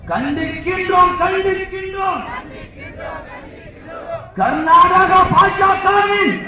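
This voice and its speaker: Give me a man shouting slow chants through a megaphone. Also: extremely high pitch. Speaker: protest slogan leader. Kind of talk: call-and-response protest chanting. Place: outdoor street protest. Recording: echoey, distant street recording. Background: crowd chanting back.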